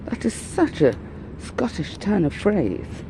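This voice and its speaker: Woman, out of breath, very mellow dark tone, rambling wry chat, walking outdoors, faint ambience behind. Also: mid-range voice, very animated, takes it slowly, a little hiss or hum, poor audio. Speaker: vlogger. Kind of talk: casual walking monologue.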